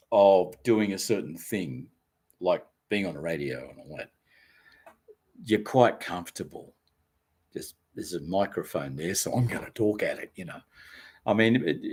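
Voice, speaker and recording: An older Australian man, a former radio presenter, chatting casually on a live stream, reading out viewer comments in a relaxed, rambling, self-deprecating way. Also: on the low side.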